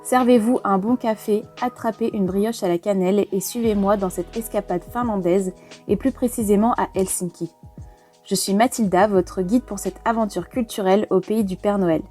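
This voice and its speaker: A young woman hosting a podcast, talking softly and hesitantly with many pauses and fillers. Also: medium pitch. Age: young adult. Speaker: podcast host. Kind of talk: scripted intro then casual chat.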